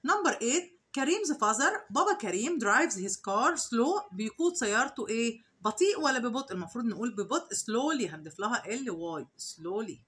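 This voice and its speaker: A woman with an Egyptian Arabic accent, an English teacher, walking through exercise answers. She reads each English sentence slowly, then explains it in Arabic with questions to the students. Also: on the high side, expressive, a bit bright. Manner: asks rhetorical questions to the students. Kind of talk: exam answer walkthrough lesson.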